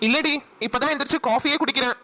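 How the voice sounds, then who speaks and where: Chatty cartoon husband, a woman acting him, high and bright. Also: rapid-fire. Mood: cheerful. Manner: chatty, teasing. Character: cheerful young man, teasing husband.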